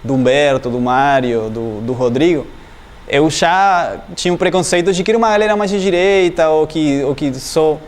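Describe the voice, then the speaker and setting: A higher-pitched man from Entre Ríos province, Argentina, a doctoral student, answers academic interview questions thoughtfully at a moderate pace. He searches for words, with many fillers and restarts.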